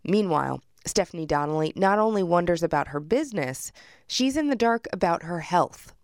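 A woman's voice: lowish voice, lively intonation, moderate pace, darkish tone, no room sound, studio quality. An American woman working as a radio reporter, narrating a scripted news story.

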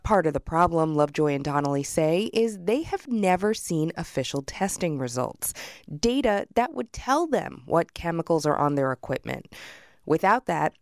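An American woman narrates a scripted radio news report. Her pitch is on the low side and the sound is dry, with no room on it. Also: very animated, moderate pace, darkish tone, dry recording.

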